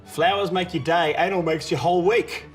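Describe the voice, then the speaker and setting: A man's voice: high-pitched, fairly even intonation, normal speed, soft background music. A man telling crude dad jokes as a challenge contestant, setting up a question and landing a blunt punchline. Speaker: contestant in a try-not-to-laugh joke challenge.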